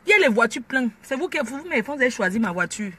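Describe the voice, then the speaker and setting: A woman's voice: fairly high pitch, big pitch swings, rapid-fire, fairly bright tone, slightly rough. A woman vlogging from inside her car at a drive-through, chatting boisterously and mixing French with pidgin English. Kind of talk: casual self-filmed car vlog. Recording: noisy car ambience. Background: car and engine noise.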